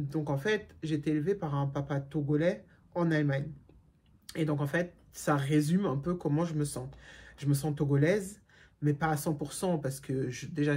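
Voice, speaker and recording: Speaking with a deep, warm, husky voice, this middle-aged German vlogger answers questions from viewers. The chat is relaxed and candid, peppered with fillers and false starts.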